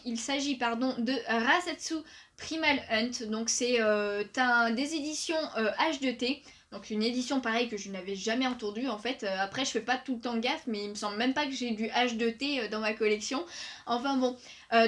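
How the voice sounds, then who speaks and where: A woman's voice: high-pitched, a bit bright. A young woman chatting casually on her video channel, full of fillers, reading book summaries aloud. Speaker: manga YouTuber. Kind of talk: casual video chat reviewing new releases.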